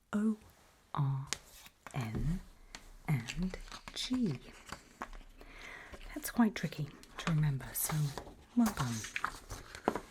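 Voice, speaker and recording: This female ASMR performer takes the role of a doctor giving a creepy memory test, alternating a breathy whisper with soft, low talk. She stays slow, gentle, encouraging, patient and reassuring throughout. There's a faint hiss or hum in the recording.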